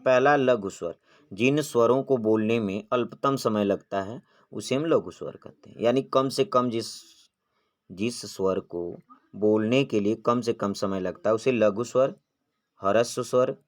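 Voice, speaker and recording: A man with a lower voice teaches an exam-prep grammar lesson, asking questions and then answering them himself. When demonstrating vowel sounds, he draws them out.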